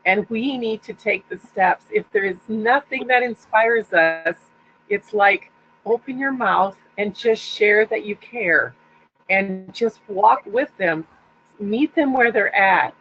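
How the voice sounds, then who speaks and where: A woman's voice: medium pitch, slow. An older woman sharing an emotional message with her team, tender and pleading. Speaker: guest speaker on a team call. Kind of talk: heartfelt personal sharing. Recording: dull lo-fi line with faint hum.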